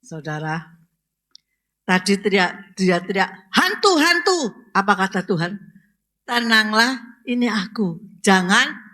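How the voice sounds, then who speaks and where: Bright-voiced Indonesian woman pastor preaching. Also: medium pitch, slow, pauses often. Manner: rises to emphatic exclamations, asks the congregation questions. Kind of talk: sermon.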